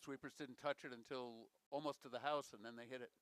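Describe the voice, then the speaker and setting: A man's voice: medium pitch, fairly even intonation, fast talker, fairly bright tone, clean tone, no echo, low-quality recording. A man giving casual, chatty live curling commentary, with folksy jokes and repeated calls.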